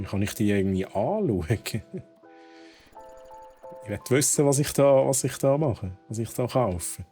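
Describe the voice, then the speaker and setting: A man's voice: fairly low pitch, dark tone. A man with a Swiss German accent streaming a video game, thinking aloud as he plays and dropping English exclamations. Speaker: gaming streamer. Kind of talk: casual let's-play commentary.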